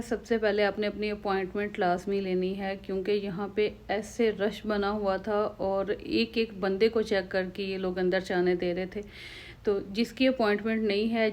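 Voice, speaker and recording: A young Pakistani woman with a Pakistani Urdu accent and a slightly hoarse throat, chatting to viewers in a casual travel vlog. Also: mid-range voice, a little mellow. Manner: chatty, conversational, addresses viewers directly. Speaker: vlogger.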